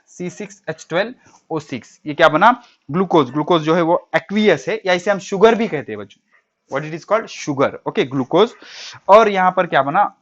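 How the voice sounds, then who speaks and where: A man's voice: on the high side, a bit bright. A male teacher giving a classroom chemistry lecture, asking questions and answering them himself, mixing English terms into his speech. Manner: quizzing students and answering his own questions. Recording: dull lo-fi recording.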